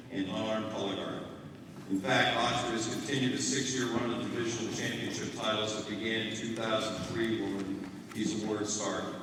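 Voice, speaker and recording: A man reading a scripted ceremony announcement in formal, measured phrases, heard from a distance in a big noisy hall. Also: medium pitch. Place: large indoor hall. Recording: echoey hall from far off, noisy.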